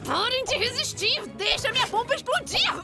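A woman's voice: very high-pitched, animated, moderate pace, creaky, loud music behind the voice, exaggerated voice. A woman voicing a bossy, gleefully scheming female villain creature in a cartoon dub, taunting and theatrical.

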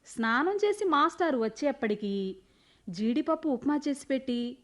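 Radio play: young woman as a bold, mischievous village girl, very high voice. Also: normal speed. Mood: scheming. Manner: lively, teasing, mischievous.

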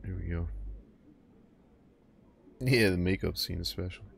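A man's voice: low voice, unhurried, vocal fry, slightly rough. A man commentating a let's play casually, laughing helplessly and making crude jokes.

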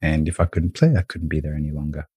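A young man from Rwanda, a yoga teacher and podcast guest, telling his life story in a thoughtful, soft-spoken way over a video call. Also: rumbling low, flat delivery, fast talker, breathy edge, dry recording. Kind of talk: reflective storytelling in an interview.

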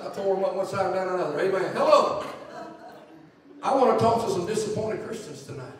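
High-voiced preacher in an echoey church. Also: male voice, quick pace, distant mic. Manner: joking, animated storytelling, then earnest preaching. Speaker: evangelist. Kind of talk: sermon with storytelling. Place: church sanctuary.

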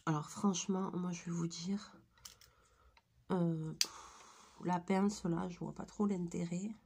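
A woman in her thirties with a voice hoarse from flu, chatting informally and with slang as she presents a craft tutorial. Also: on the low side, steady tone, slow pace, a little mellow, a little hiss or hum. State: hoarse, croaky from flu, coughing. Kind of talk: casual craft tutorial chat. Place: small attic room indoors.

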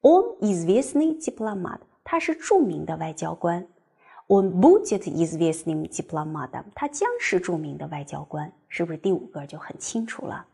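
A woman teaching a language class, explaining step by step and reading example sentences slowly and clearly. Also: lowish voice, sing-song, dark tone. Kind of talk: recorded classroom lecture.

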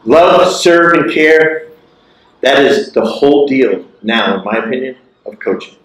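This keynote speaker, a man in his sixties, gives an emphatic motivational speech through a lapel mic, returning again and again to his key phrases. His mid-range voice is a bit bright, with lively intonation and an unhurried delivery, and the large lecture hall lends an echo.

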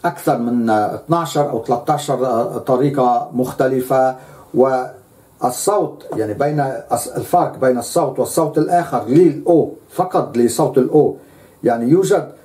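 A man's voice: mid-range voice, normal speed, warm tone. A man giving a lecture, speaking emphatically and repeating words for stress.

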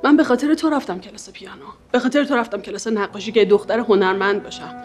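A woman's voice: medium pitch, lightly acted. An actress playing a young woman pleading with her cousin, whom she loves, speaking in an insistent, pleading way. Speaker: actress in a TV drama. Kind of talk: TV drama acting. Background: music score.

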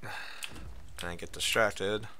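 A man's voice: on the low side, steady tone, extremely slow, bright, forceful tone, slight background noise. A man streaming a game with a friend, swearing a lot and yelping when startled. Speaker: gaming streamer. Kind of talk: casual gameplay chat.

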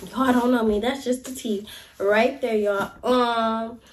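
A young woman in a chair in a small indoor room chats to camera for a life-update vlog, full of "y'all" and "like" and animated gestures. Her voice is a little high, and she speaks slowly.

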